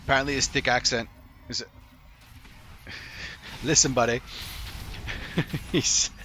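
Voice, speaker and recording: Reviewing someone's replay live, this thirtysomething streamer cracks sarcastic, foul-mouthed jokes into a headset at home. He talks slowly at a medium, steady pitch with a sharp edge, and there's slight hiss or hum.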